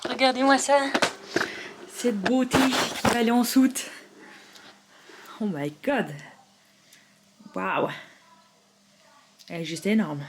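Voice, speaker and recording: A woman's voice: mid-range voice, animated, slow, pauses often. A young woman from France talking casually to her phone camera while out and about, rambling through stories with casual swearing. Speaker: vlogger. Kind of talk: casual travel vlog. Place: out and about in streets and a station. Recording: noisy background with traffic.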